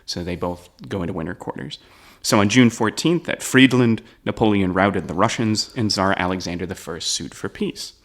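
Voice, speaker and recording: A man's voice: fairly low pitch, moderate pace, fairly bright tone. A man telling a history story on a comedy podcast, casual, often checking in with "right?". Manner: explains with "right?" asides, laughs at the jokes.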